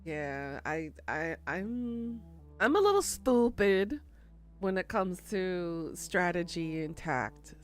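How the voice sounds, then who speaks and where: A woman's voice: on the low side, sing-song, takes it slowly, faint music behind. A woman streaming a game, chatting casually and self-deprecatingly with her viewers. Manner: laid-back, self-deprecating, talking with chat. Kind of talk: casual gameplay chat.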